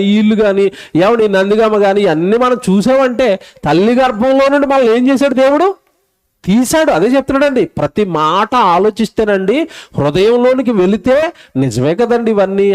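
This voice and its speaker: A man giving a lively sermon as a pastor, asking the congregation questions and acting out a baby's voice. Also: high voice. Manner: animated preaching, asks the crowd questions; acts out a crying baby's voice.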